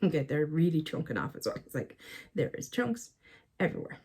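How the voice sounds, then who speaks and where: A woman's voice: low-pitched, very animated, brisk, a little mellow, slightly rough. A woman chatting casually to camera as a beauty vlogger, chatty and self-mocking, often talking to herself. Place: at home by a counter.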